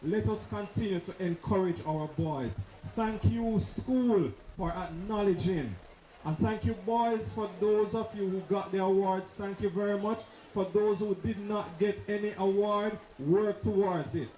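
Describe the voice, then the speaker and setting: A man's voice: high-pitched, a little slow, dark tone. Emphatic Jamaican man addressing a hall. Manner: repetitive, emphatic, speaks off the cuff. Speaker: guest speaker at a school awards ceremony. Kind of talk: impassioned speech. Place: school hall. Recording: echoey hall recording.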